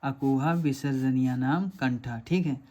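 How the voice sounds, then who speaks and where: A man's voice: mid-range voice, unhurried, a little mellow. Patient man teaching over diagrams. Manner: patient, repeats questions and answers them himself. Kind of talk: explaining a lesson over diagrams.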